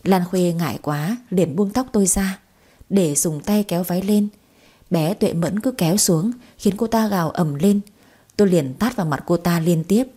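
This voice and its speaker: A woman tells a first-person story at a brisk, lively pace. Her voice is mellow and warm, with a husky breathiness. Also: on the low side. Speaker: narrator.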